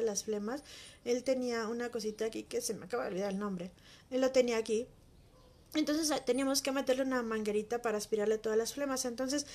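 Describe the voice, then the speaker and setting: A high-voiced woman with a darkish tone shares a heartfelt personal testimony. Emotional and intimate, she sounds as though she's confiding in a single listener.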